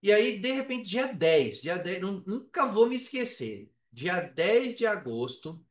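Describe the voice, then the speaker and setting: A podcast guest and affiliate marketer with a notably high voice and a Brazilian Portuguese accent shares personal stories in a casual, animated, unhurried way, his pitch swinging widely. He talks in slangy, profane, repetitive bursts and acts out what people said. The recording is roomy and echoey, a little far from the mic.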